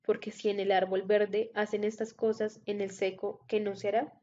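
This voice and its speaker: Mellow-voiced woman reading scripture. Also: medium pitch. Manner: steady, measured reading. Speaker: scripture reader. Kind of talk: Bible reading. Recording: dull lo-fi recording.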